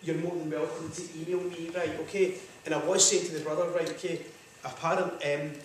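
A Scottish-accented guest lecturer addresses a large hall from the podium, talking fairly quickly in a flat, slightly high voice, yet chatty and jokey, with a habit of saying "right, okay." Recorded from far away by a camera, the audio is echoey and carries a bit of hiss or hum.

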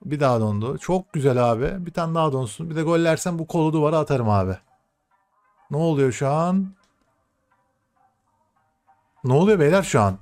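A young man commentating his own football video game matches, excitable and swearing, shouting at the game and then muttering to himself. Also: a little high, fast talker, soft background music. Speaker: gaming streamer.

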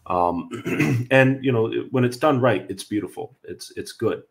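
Over a video call from a room at home, a young Canadian Orthodox priest hosts a livestream and answers viewer questions. He speaks Canadian English at a moderate pace and medium pitch, earnest and explanatory, with frequent fillers and light laughs, picked up by his webcam.

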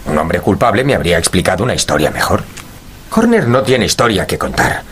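Warm-hearted gentleman doctor, radio drama, earnest, polite, rather low, faint background ambience. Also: very animated, brisk, noisy background.

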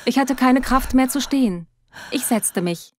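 A woman narrates a scripted first-person story in a steady storytelling manner. Her voice sits fairly high. The recording is dry and close, with no room sound. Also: unhurried, no echo.

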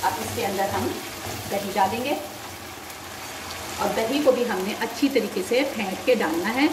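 A woman's voice: mid-range voice, measured pace. A woman hosting a cooking channel, patiently explaining each step and giving tips at her home stove. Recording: echoey kitchen, mic far off, loud sizzling noise. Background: frying and sizzling.

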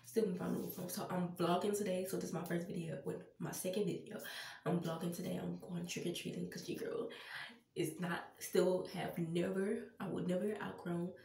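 A young woman with a fairly low, gravelly, dark voice talks fairly quickly in a level tone, her nose stuffy and congested. She chats casually with her viewers, calling them y'all, while getting ready in a Halloween makeup vlog. The camera sits on a stand a few feet away in a small tiled bathroom, so the sound is distant and echoey.

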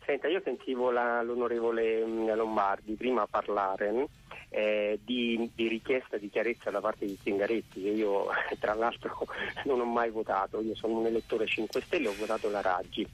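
A man's voice: lowish voice, fairly even intonation, moderate pace. A man calling in to a radio show over the phone, hesitating at first and then pressing an insistent complaint. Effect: phone-line voice on a radio call-in. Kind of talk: call-in question on air.

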